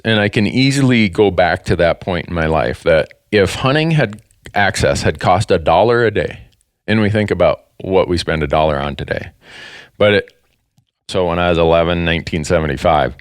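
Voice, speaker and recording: A man's voice: deep voice, no echo, studio quality. A man in his fifties with a Minnesota accent, hosting a podcast and telling stories in an earnest way, often restarting his sentences. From northern Minnesota. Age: 50s. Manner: earnest, storytelling, with frequent restarts. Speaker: podcast host. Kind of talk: casual conversation.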